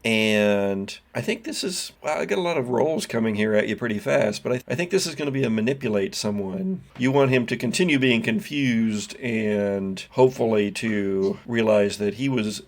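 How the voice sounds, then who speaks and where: A man running a tabletop horror game as game master, narrating scenes calmly with some hesitation. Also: on the low side, moderate pace, vocal fry, hardly any pauses.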